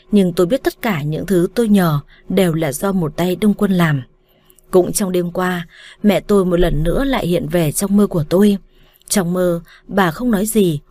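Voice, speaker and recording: This audiobook reading of a first-person romance comes from a woman with a fairly low voice who keeps an even, calm delivery.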